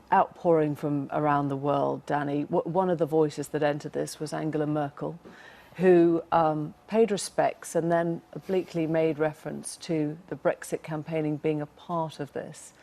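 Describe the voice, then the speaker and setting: Woman news anchor, low gravelly voice, measured and halting questions. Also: steady tone, mellow. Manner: measured, hesitant questioning with fillers. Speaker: news presenter. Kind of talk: broadcast interview questions.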